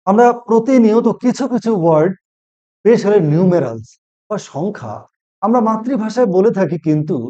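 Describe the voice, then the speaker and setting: Man teaching English in a lively, questioning voice. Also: on the high side. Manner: asks and repeats questions to the class. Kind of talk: classroom lesson. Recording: dull lo-fi recording.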